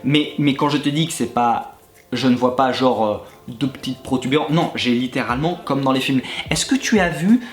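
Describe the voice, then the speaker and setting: A man, a YouTuber and former gym coach, telling crude comic anecdotes straight to the listener, animated and often breaking into laughter. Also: medium pitch, moderate pace. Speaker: YouTuber recounting his time as a gym coach. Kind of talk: comedic anecdote storytelling to the viewer. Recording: echoey room with faint background music.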